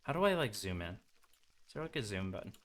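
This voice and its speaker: A man's voice: fairly low pitch, very animated, fast, a bit bright. A young man streaming a game, chatting loosely and joking with his viewers. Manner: loose, joking, talks to chat. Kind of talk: casual game stream chat.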